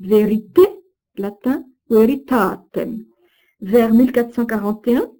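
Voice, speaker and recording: Lady reading a recorded lesson, slow careful words, every syllable stressed. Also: a little high, warm tone, poor audio. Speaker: teacher of Old French. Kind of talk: recorded course lesson with recited verse.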